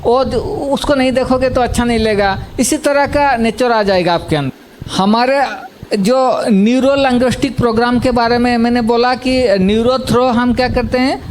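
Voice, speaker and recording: Man with a very high voice, teaching tone, faint hiss behind. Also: steady tone, moderate pace. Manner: repetitive, asks "samajh mein aaya?" to check understanding. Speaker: healing teacher. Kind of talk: explanatory talk on self-help.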